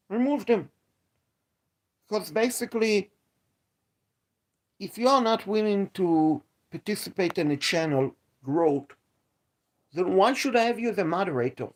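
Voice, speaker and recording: A man hosting a live stream outdoors at night, talking in a repetitive, aggrieved, lecturing way. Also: high-pitched. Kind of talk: casual live stream talk. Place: outdoors at night near a pool.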